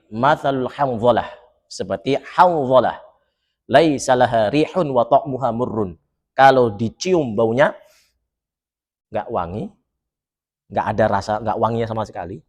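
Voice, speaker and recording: A man preaching in a mosque, quizzing his listeners and joking, reciting Arabic phrases and then explaining them. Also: mid-range voice. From Solo, Central Java. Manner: lively, jokes and quizzes the congregation. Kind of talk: mosque sermon.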